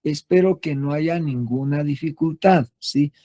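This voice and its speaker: Patient math teacher, dry close sound. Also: male voice, fairly high pitch, measured pace, mellow, no echo. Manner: patient, repetitive, checks in with frequent "¿sí?". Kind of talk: classroom lecture.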